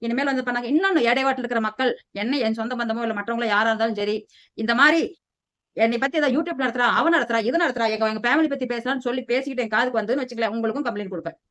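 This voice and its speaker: A woman's voice: fairly high pitch, racing, fairly bright tone. A middle-aged woman vlogger from southern India, scolding and defiant as she rants to the camera about family gossip. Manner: heated, defiant, scolding, repeats "சரியா?". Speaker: lifestyle vlogger. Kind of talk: angry personal rant to camera. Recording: dull lo-fi audio.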